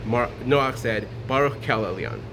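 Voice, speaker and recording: A man's voice: medium pitch, unhurried, noisy background. A man from Honduras giving an earnest, informal talk as a guest speaker, with many fillers and restarts. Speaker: guest speaker sharing a Torah thought.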